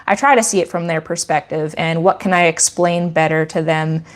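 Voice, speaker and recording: This goat farmer, who hosts a channel about her farm, has a Canadian accent and a low-sitting voice with fairly even intonation at a moderate pace. In a casual livestream chat and Q&A, she rambles in a teacherly manner and keeps restarting.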